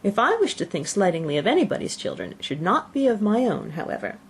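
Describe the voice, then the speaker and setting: A woman voicing a fussy, excitable middle-aged mother in a classic novel, with gushing, exclamatory delivery. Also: mid-range voice, quick pace, slight background noise, pitched above the performer's own voice. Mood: indignant, fond. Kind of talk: audiobook character reading.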